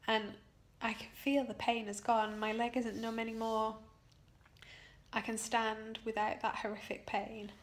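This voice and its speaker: A British woman, worn out after surgery, recounting her experience in a personal video diary in a halting, emotional way, leaning on key words. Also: fairly high pitch, little pitch movement.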